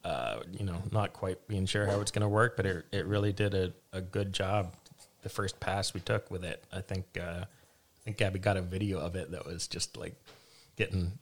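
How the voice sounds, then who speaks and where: A man, a vegetable farmer, answering interview questions in a relaxed, hesitant way with many fillers and restarts. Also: low voice, moderate pace.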